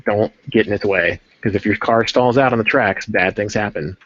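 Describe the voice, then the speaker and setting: A man's voice: lowish voice, normal speed, a bit bright. A man hosting a casual livestream, chatting in a rambling way while he paints a model. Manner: rambling, chatty, self-interrupting. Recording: dull lo-fi stream audio.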